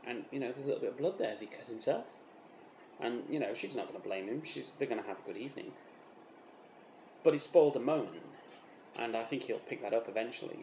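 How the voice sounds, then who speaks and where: A British man playing a self-important, defensive razor developer in a mock documentary interview, halting and repeating himself with earnest, deadpan false modesty. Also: lowish voice, lightly acted. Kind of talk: mock documentary interview, improvised-sounding monologue. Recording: roomy echo with faint background noise.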